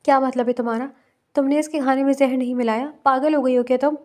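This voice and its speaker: A woman's voice: sits high, fairly even intonation, a little mellow, lightly acted. Woman reading as a greedy scheming villain. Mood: angry. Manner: angry, threatening.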